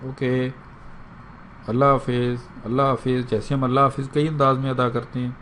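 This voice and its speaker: A man with a Pakistani Urdu accent teaching an English lesson, repeating each English phrase slowly several times for learners to drill. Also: mid-range voice, flat delivery, a bit bright, a little hiss or hum. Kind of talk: spoken language lesson.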